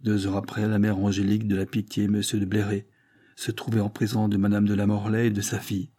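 Low husky male audiobook narrator. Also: monotone, mellow. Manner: measured, dramatic reading. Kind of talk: reading a 19th-century novel aloud.

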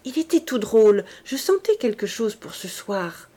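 A woman's voice: a little high, very animated, normal speed, mellow. A woman reading an audiobook voices an anxious middle-aged mother calling out urgently.

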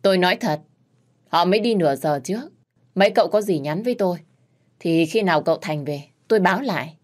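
A fretful older housekeeper in a spoken storybook, her low voice hurrying to keep trouble away, put on by a woman narrator. She talks fast and placating, not quite calm. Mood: flustered. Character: anxious older female housekeeper, quick to placate.

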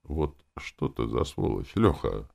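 A man's voice: very deep voice, sing-song, slow pace, vocal fry, a little mellow, heavily acted. A man voicing a beaten, sullen female demon who moans and hisses her lines. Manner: moaning and hissing.

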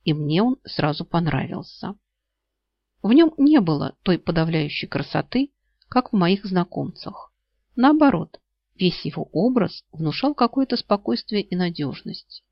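A woman narrating a humorous fantasy novel in the first person, wry and expressive. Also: fairly low pitch, no room sound. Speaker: audiobook narrator. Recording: slightly dull lo-fi audio.

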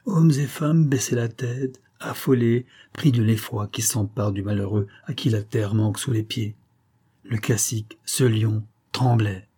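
Male narrator, husky and mellow, measured storybook reading. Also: fairly low pitch. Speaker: audiobook reader. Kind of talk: scripted narration.

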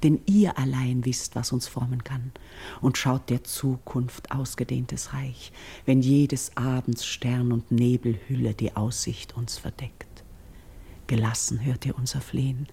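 Iphigenie, a husky, low-voiced, pleading priestess. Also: female voice, full character voice. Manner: solemn, elevated, measured declamation with breathy hushed phrases. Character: Iphigenie, noble priestess, tender pleading long-lost sister. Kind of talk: classical German verse radio drama acting.

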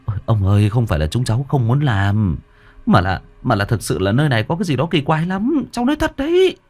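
A man's voice: medium pitch, very animated, fast talker, a little mellow, voice pushed up. A man voicing a nervous young bulldozer driver who stammers and pleads. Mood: pleading.

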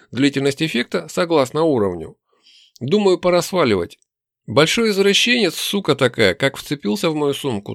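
Man narrating an audiobook in a lively voice. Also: on the high side, no room sound, clean studio sound. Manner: wry, lively storytelling. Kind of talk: first-person fantasy audiobook narration.

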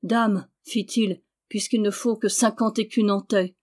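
A woman's voice: medium pitch, steady tone, measured pace, darkish tone, lightly acted. A woman voicing a timid young male peasant suitor in an audiobook, speaking humbly and stammering. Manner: humble, stammering country speech. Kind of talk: audiobook character reading.

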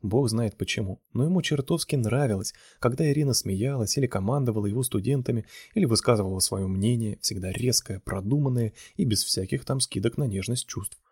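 A man reading an audiobook novel in a measured, even narration. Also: medium pitch, breathy edge, no echo, clean studio sound. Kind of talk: scripted narration.

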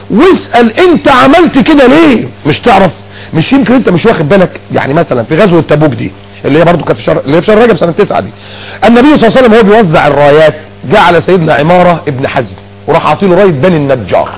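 Rapid, animated Egyptian preacher, a man. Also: high voice, rough recording. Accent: Egyptian Arabic. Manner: dramatic, acts out dialogues in shifting voices. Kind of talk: colloquial sermon.

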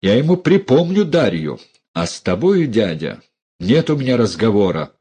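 A man's voice: mid-range voice, big pitch swings, normal speed, warm tone, slightly rough. A man voicing a furious, defiant young woman who hurls scornful accusations at her relatives.

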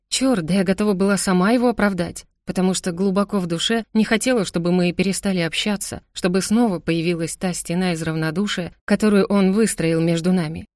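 A woman's voice: on the low side, a little mellow, dry recording, clean studio sound. A woman narrating a romance audiobook in the first person, in an emotional, dramatic reading style.

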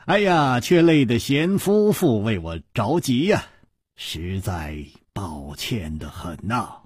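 A man reading a novel aloud, voicing a genial wandering hero who speaks in a low, relaxed, good-humoured way. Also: slow pace, breathy edge, dry recording, clean studio sound, heavily acted. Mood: sheepish.

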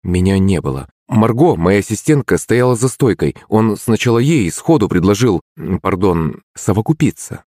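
A man voicing a brash, gruff middle-aged brothel madam. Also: on the low side, expressive, normal speed, few pauses, dark tone, no room sound, studio quality. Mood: indignant. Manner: gruff, snappy.

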